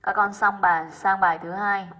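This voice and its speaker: A woman's voice: medium pitch, steady tone, normal speed, pushed and bright. A woman English teacher going over exercise answers with her pupils, often checking in with rhetorical questions.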